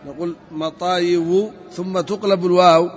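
A man with a high voice and fairly even intonation teaches grammar methodically, working step by step and slowly drawing out word forms as he repeats and spells them out. The recording is dull and lo-fi, with long reverb lingering over his voice.

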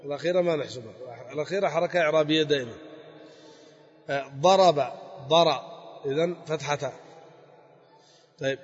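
Husky man teaching in an echoey hall. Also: on the high side, quick pace, long pauses. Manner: explains step by step, repeats key words. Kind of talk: spoken grammar lesson. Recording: dull lo-fi recording with long hall reverb.

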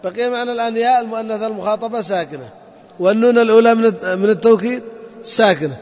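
High-voiced man teaching in an echoey hall. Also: rapid-fire, a little mellow. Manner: methodical, repeats points and quizzes students. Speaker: grammar teacher. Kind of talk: classroom grammar lesson. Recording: dull lo-fi sound in a reverberant hall.

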